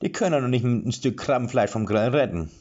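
A man voicing a brash, jovial dwarf police chief who talks loudly and mockingly, on a slightly dull recording. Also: mid-range voice, lively intonation, fairly quick, voice pushed up. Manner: loud, breezy, mocking.

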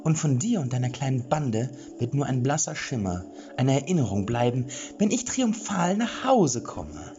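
A shrill falsetto braggart bandit. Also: male voice, sing-song, moderate pace, few pauses, dull audio, over music. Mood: boastful. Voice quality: high falsetto. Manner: pompous, sneering, lecturing. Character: boastful mocking male bandit, shrill falsetto.

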